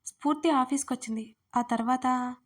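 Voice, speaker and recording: A bewildered young man, quiet and lost, as a woman reads him aloud in a romance audiobook. The voice is fairly high and even in tone. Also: normal speed. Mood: confused. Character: young man, dazed and confused.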